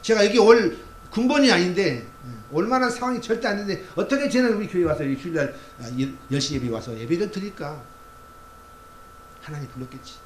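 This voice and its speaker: A man's voice: high-pitched, expressive, a little fast. A male pastor giving a Sunday sermon in a church sanctuary. He preaches in a conversational way, with many fillers and acted quotes. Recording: roomy church sound with faint hum.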